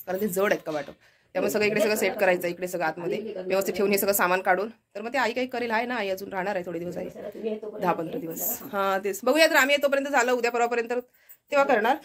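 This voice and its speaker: A woman's voice: medium pitch, fast, a crowd in the background. A woman vlogging casually, chatting to viewers as she walks around a village home with her phone. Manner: chatty, walks about showing the house. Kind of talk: casual vlog chat.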